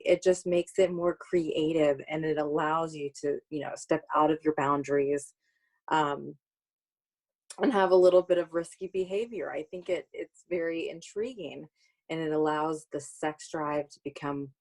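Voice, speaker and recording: Woman guest on a talk show, low voice, kinda hesitant and measured. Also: a little mellow. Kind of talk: casual talk show chat.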